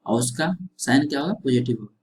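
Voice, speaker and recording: A man's voice: medium pitch, lively intonation, fast talker, husky, low-quality recording. Man lecturing, questions and answers himself. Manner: repeats questions and answers, frequent tag "है ना". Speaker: engineering teacher. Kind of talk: classroom lecture.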